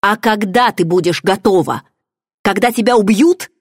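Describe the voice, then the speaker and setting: A protective young man, sharp and urgent under pressure, as a woman reader voices him in a storybook reading. His lines rise high with a lively, swinging pitch and a breathy edge, heard dry and close. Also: a little slow, dry recording. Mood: angry.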